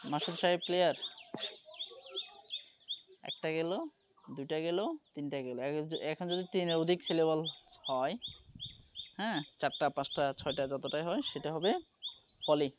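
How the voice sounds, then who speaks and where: A man's voice: on the high side, moderate pace, pauses often. A man teaching an English lesson to an online class, explaining patiently and often checking that everyone understands. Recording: dull lo-fi audio with background noise.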